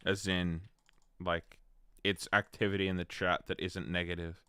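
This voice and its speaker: Chatty low-voiced man streaming a game. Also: level tone, moderate pace, sharp tone, clean tone, no room sound. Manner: chatty, rambling, answers chat by name. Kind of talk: casual livestream chat while gaming.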